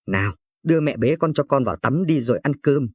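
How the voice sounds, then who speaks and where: A man voicing a caring middle-aged mother who fusses gently over her daughter. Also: mid-range voice, lively intonation, fairly quick, husky, no room sound, clean studio sound.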